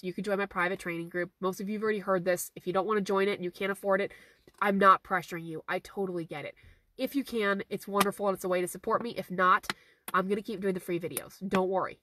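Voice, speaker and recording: A horse trainer in her thirties answers viewer questions on a casual live stream from a parked car, holding her phone camera at arm's length. Her medium-pitched voice is hoarse and fading, the background is noisy, and she earnestly repeats her key points.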